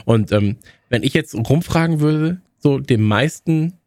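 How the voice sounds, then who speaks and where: A man in casual podcast talk, rambling through his thoughts with plenty of restarts. His voice sits mid-pitched and the sound is dry and close. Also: a little mellow, no room sound. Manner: rambling, many fillers and restarts. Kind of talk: casual chat.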